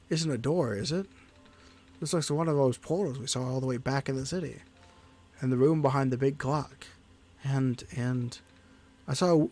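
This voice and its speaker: A man voicing a small, earnest child hero from a game, hesitant and wistful, with some rasp. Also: a little high, a little mellow, exaggerated voice. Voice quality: raspy.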